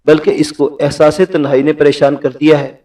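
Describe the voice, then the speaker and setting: A man voicing a scheming, sharp-tongued woman in a spoken story. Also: a little high, monotone, far from the mic, natural voice, low-quality recording. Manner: taunting, provocative.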